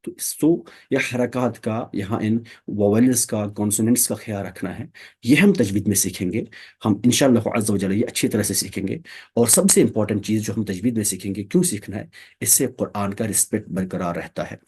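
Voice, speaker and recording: A man's voice: on the low side, darkish tone, slightly rough. A man teaching a Quran recitation class, explaining patiently and often checking that students follow. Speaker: Tajweed teacher. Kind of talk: Quran recitation lesson, Urdu mixed with English.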